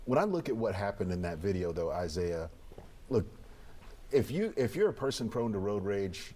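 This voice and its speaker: A man in his late fifties with a fairly low voice, talking as a guest in an interview. He is folksy and plain-spoken, giving his view conversationally. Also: sing-song, normal speed, mellow.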